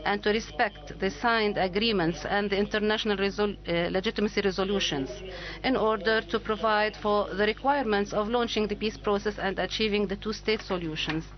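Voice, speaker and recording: A woman speaking as a live interpreter voice, relaying a formal speech in measured tones. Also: medium pitch, fairly even intonation. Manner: formal, measured, with a brief self-correction. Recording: dull lo-fi broadcast clip.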